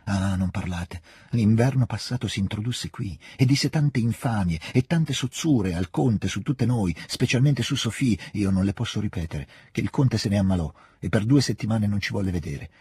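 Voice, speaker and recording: A man's voice: on the low side, lively intonation, moderate pace, few pauses, a little mellow, husky, no room sound, studio quality. A man reading aloud, voicing a bitter, spiteful young princess who speaks in vehement outbursts. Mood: indignant. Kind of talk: audiobook reading.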